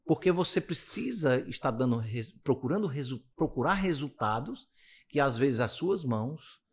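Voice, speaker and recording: Being interviewed as a guest, a physiotherapist in his late fifties with a Brazilian Portuguese accent talks casually, rambling and restarting often. He speaks at a moderate pace in a mid-range voice with lively intonation.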